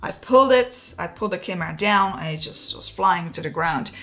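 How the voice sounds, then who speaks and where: A Czech woman in her forties, a photography YouTuber with a Czech accent, chats in a casual talking-head vlog, speaking briskly in a lowish voice with faint music behind. Relaxed and self-deprecating, she laughs at herself and gestures with her hands, recorded on a wireless lapel mic in an indoor home studio.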